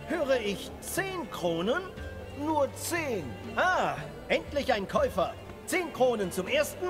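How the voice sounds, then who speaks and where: A man's voice: very high voice, exaggerated voice. A man voicing a flamboyant, courteous auctioneer in a video game, calling bids in theatrical, sing-song patter. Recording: music behind the voice. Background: music.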